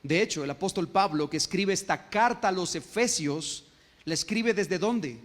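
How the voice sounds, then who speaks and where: A man's voice: sits high, lively intonation, normal speed, long reverb tail. A male pastor preaching a sermon, often stopping to ask his congregation questions. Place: church sanctuary.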